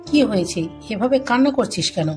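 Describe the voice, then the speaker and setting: A woman plays a caring aunt in an audio story. She coaxes her nephew gently, at a mid pitch. Clear background music runs under her voice. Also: lively intonation, moderate pace, natural voice. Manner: gentle, coaxing. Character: kindly aunt who cooks for her nephew.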